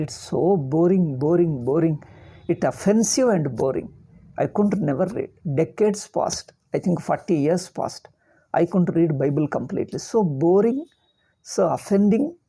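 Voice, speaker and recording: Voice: medium pitch, dark tone, breathy edge. An older spiritual teacher with a South Indian accent gives an informal religious discourse, repeating words and phrases for emphasis.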